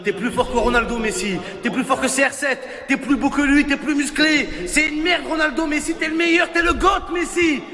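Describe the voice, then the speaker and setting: A man's voice: extremely high pitch, moderate pace, hardly any pauses, bright, forceful tone. A man reacting emotionally to a live football match, ranting and repeating himself with profanity, swinging between muttering and screaming. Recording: echoey reverberant room, crowd noise.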